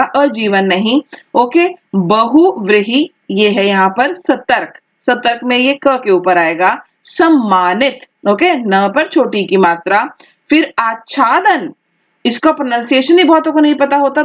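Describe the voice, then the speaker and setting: A woman teaching an online exam-prep lesson, carefully dictating words and explaining their spelling, often pausing with "okay". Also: fairly high pitch, fairly bright tone, dull audio. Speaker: Hindi teacher.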